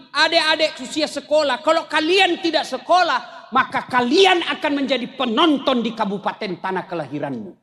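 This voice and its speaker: Preacher, male, from South Sulawesi: very high-pitched, animated, jokey sermon delivery. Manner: animated storytelling, joking. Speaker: Islamic preacher. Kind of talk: humorous sermon.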